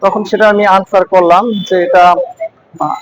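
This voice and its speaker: A young man from Shariatpur, Bangladesh, recounting his exam interview in a halting way, dropping into English with hesitant fillers. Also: high-pitched, level tone, highs cut off, slight background noise. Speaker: exam candidate interviewed after viva. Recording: loud crowd chatter around.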